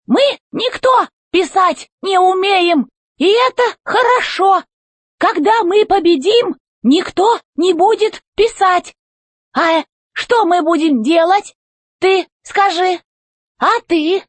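A shrill, squeaky robot commander, as a woman reader puts him on, rusty and bossy, barking orders in a storybook reading. The voice leaps very high and swings wildly. The sound is dry and close. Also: no echo, heavily acted. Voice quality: creaky, squeaky voice. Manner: barks orders, shouts.

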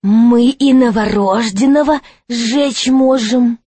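A cruel, scheming bishop played by a woman narrator speaks in slow, spiteful words. The sound is close and dry. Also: fairly high pitch, dark tone, slightly rough, no room sound. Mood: vindictive. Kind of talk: audiobook character voice.

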